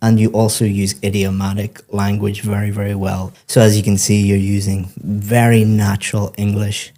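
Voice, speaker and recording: A man's voice: lowish voice, level tone, normal speed, warm tone. A man coaching a student on an English speaking test, explaining the results patiently and encouragingly. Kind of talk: spoken feedback to a student.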